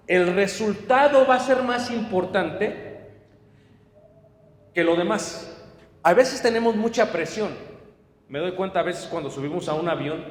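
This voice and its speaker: A man's voice: sits high, roomy sound, long reverb tail. A man preaching a sermon to his congregation, telling personal stories and speaking to them directly. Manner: storytelling, addresses congregation directly. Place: church hall.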